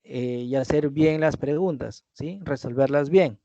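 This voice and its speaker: A man with a slightly higher voice teaches an online review lesson. He explains patiently, checks in with a questioning "¿no?" and restates each key point. The sound is dry and a little dull, like a lo-fi recording. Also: measured pace, dark tone, no room sound.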